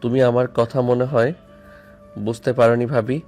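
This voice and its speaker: A man's voice: mid-range voice, little pitch movement, moderate pace, a little mellow, faint music behind, close to an everyday voice. A man playing a husband's playful young friend who talks politely in an audio drama. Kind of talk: Bengali audio love-story drama.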